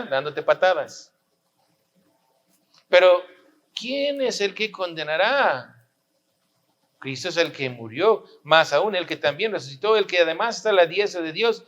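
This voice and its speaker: A man preaching a sermon in a high, unhurried voice. He drives his points home with rhetorical questions and repeated lines. The recording sounds a little muffled. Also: a bit bright. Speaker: pastor.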